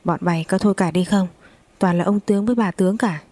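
A woman's voice: mid-range voice, a little fast, dark tone, no room sound, close to an everyday voice. A woman voicing a stern old father-in-law. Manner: commanding, curt.

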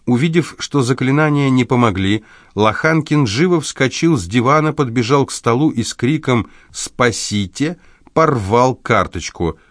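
A man reading an audiobook in a measured, even delivery. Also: on the low side, no echo, clean studio sound. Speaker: audiobook narrator. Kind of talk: scripted audiobook narration.

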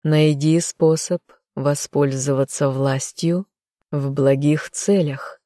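Reader doing a stern goddess, slow and measured, commanding, flat delivery, warm dark tone, dry close sound. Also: medium pitch, no echo. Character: stern, solemn female goddess granting fates.

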